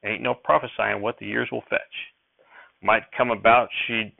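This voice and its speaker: A man voicing an excitable old rural grandfather who speaks in folksy dialect, with a raised, quick old-timer twang over a thin, dry phone-like sound. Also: fairly low pitch, gravelly, no room sound. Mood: reflective.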